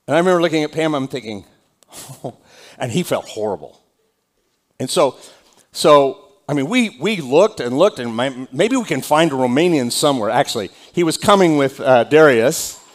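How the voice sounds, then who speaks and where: A man's voice: medium pitch, animated, moderate pace. Pastor type, man, easygoing announcements voice, talks off the cuff with plenty of "uh"s. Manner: casual, conversational, with frequent fillers and restarts. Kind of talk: church announcements and onstage interview. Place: church sanctuary.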